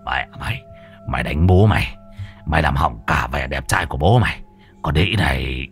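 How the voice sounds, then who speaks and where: A man's voice: deep voice, expressive, normal speed, gravelly, a bit bright, faint music behind, full character voice. A man voicing a crude, hot-tempered male exorcist who boasts and curses. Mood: furious. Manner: foul-mouthed, boastful.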